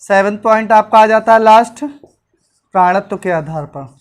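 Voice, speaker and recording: A woman's voice: medium pitch, a little slow. A woman teacher giving an exam-prep lecture, repeating points and asking questions that she answers herself. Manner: repetitive drilling, asks and answers own questions.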